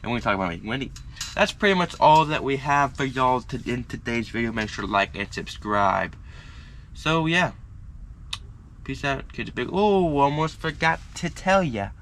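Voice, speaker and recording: A male fishing host talks in a mid-pitched, bright and forceful voice. He rambles casually, repeats himself and throws in jokey slang. There is faint noise in the background. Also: animated, normal speed. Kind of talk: casual unscripted fishing tutorial.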